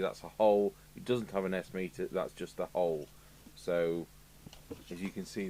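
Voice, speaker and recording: Speaking in a low, somewhat mellow tone, this Englishman from the UK thinks out loud at his electronics workbench indoors, offering loose, wandering commentary in the manner of a radio repairman. The recording is clear, with an electrical hum in the background.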